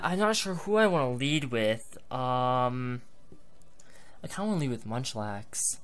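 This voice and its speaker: Smooth-voiced man hiccuping through game commentary. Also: medium pitch, a bit bright. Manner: thinks aloud, rambling. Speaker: gaming YouTuber. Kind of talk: live battle commentary.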